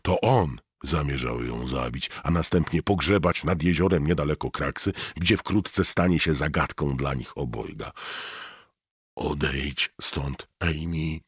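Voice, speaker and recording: Deep, husky male audiobook reader, gravelly, dry close mic. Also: lively intonation, normal speed, few pauses, no room sound. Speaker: audiobook narrator. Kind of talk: scripted narration.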